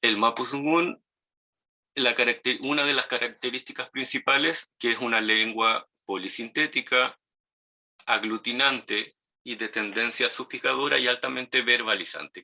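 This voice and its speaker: A man with a Chilean Spanish accent teaching a language lesson, patiently repeating and modeling each word slowly. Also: medium pitch, gravelly, bright, forceful tone, poor audio. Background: dogs barking nearby.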